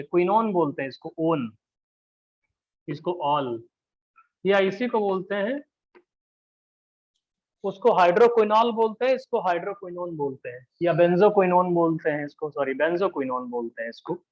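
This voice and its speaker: A man teaches a live chemistry class in a fairly high voice. He keeps up a teasing, chatty patter and keeps asking whether the students follow. The classroom recording sounds muffled and lo-fi.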